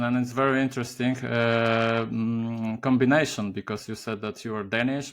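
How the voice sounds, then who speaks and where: Halting male podcast host. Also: mid-range voice. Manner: halting, many filler sounds. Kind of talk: conversational interview.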